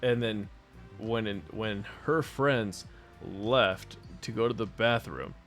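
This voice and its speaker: A man on a game stream tells a rambling story, full of swearing and laughter. His voice sits somewhat low, and quiet music plays faintly underneath. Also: takes it slowly. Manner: profane, rambling, laughs often. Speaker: gaming streamer. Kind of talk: casual storytelling.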